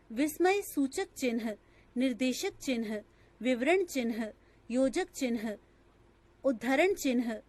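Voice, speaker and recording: A woman narrating a scripted grammar lesson in a slow, measured, textbook-style reading. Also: high-pitched, dry recording.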